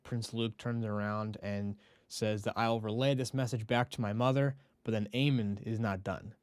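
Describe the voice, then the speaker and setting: A man hosting a podcast, retelling a TV episode in a casual, animated way and now and then acting out the characters' lines. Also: fairly low pitch, no echo. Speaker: podcast host.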